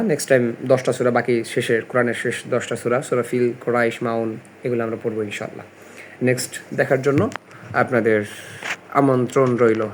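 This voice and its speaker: A man with a Bangladeshi Bengali accent teaching Quran recitation, drilling syllables slowly and explaining in quick asides. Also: medium pitch, slight background noise. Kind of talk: step-by-step recitation lesson.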